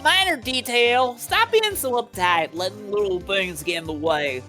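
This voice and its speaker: A woman's voice: mid-range voice, animated, normal speed, a bit bright, faint music behind, lightly acted. Woman doing a Southern cowgirl photographer. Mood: cocky. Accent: Southern US, put on. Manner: folksy drawl with country phrases. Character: brash female cowgirl photographer, folksy and cocky. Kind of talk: voicing game dialogue aloud.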